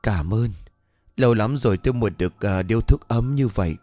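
A man voicing an agitated old village man who sees spirits, shouting in anger as he reads a ghost story. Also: fairly low pitch, a little fast, no room sound, soft background music, close to an everyday voice. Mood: choked up.

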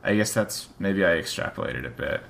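Low-voiced man in lively chat. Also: fairly quick, vocal fry, a little hiss or hum. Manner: rambling, self-questioning. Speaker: co-host reading a story aloud. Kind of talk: casual chat.

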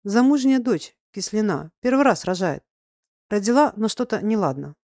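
A woman's voice: mid-range voice, sing-song, normal speed, a little mellow, dry recording, studio quality, pitched above the performer's own voice. A woman reading the lines of a good-humored male country doctor in a matter-of-fact, joking way.

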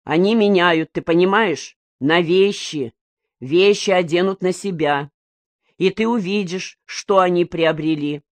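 A woman reading the part of a calm older fisherman who explains things quietly and patiently in an audiobook. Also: on the low side, measured pace, no echo, lightly acted.

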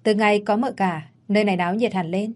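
A woman's voice: mid-range voice, fairly even intonation, quick pace, lightly acted. A woman voicing a deferential, chatty young female housekeeper in an audio story.

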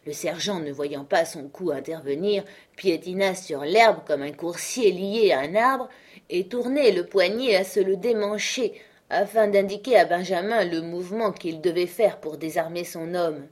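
A woman narrating a classic novel aloud in a measured, expressive reading. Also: lowish voice.

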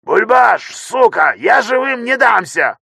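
A man voicing a panicky, excitable young male ship technician who yells in a high voice. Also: moderate pace, no room sound, clean studio sound. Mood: panicked yelling. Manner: excitable, shrill yelling.

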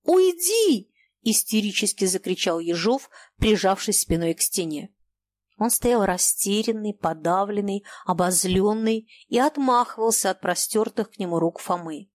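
A woman reads a classic novel aloud in a measured, expressive audiobook style. Her voice sits in a middle register. The recording is close and dry, with no room echo. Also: mid-range voice. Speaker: narrator. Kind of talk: audiobook narration.

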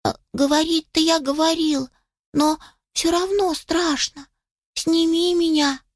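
A woman's voice: animated, takes it slowly, a bit bright, no room sound, studio quality. A woman voicing a small, boastful male kitten who gets stuck and whimpers in fear. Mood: frightened. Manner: squeaky, whimpering.

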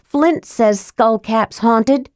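A fiery young red-haired woman, quick to anger and close to tears, her voice climbing high and sharp as she accuses, read by a woman narrator. Her pleas ring clearly in a close, dry recording with no room sound. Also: dry recording. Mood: angry. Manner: pleading, accusing, raised voice.

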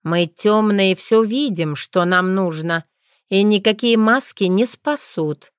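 A woman's voice: medium pitch, takes it slowly, clean tone, no room sound, clean studio sound, voice pushed up, close to an everyday voice. A woman voicing a brash, cheeky young witch with a folksy, teasing manner in an audiobook. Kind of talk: audiobook character voice.

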